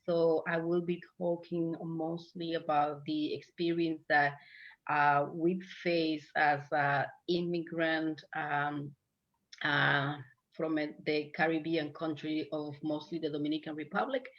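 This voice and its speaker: A woman speaking as a panelist on a virtual panel, with many pauses and fillers. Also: low voice, flat delivery, dull audio. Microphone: video call.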